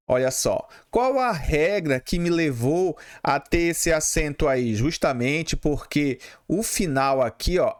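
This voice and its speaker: A man with a Brazilian Portuguese accent teaching grammar for public exams, who explains patiently, repeats key terms and often checks in with "tá bom?". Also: a little high. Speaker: exam prep teacher.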